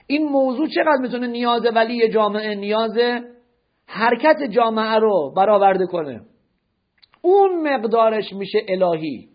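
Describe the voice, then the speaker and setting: High, husky-voiced man giving a religious lecture. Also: animated. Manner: questioning, rhetorical and didactic. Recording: dull lo-fi lecture recording.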